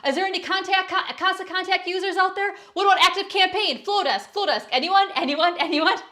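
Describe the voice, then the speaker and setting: A woman's voice: extremely high pitch, brisk, sharp tone, voice pushed up. A woman putting on a playful mock auctioneer voice, calling out names like bids. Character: loud fast-talking auctioneer, a woman doing a mock voice.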